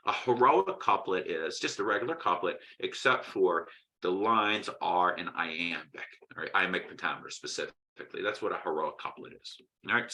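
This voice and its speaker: Man giving a bright casual poetry lecture. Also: fairly low pitch, poor audio. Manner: conversational, frequent "right?" check-ins and restarts. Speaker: literature teacher.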